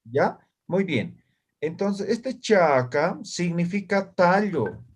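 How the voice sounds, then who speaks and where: This male language teacher's voice is high-pitched, sing-song and slightly rough, and he speaks slowly during a classroom lesson. He pauses after nearly each phrase to ask students brief questions, and they reply in the room.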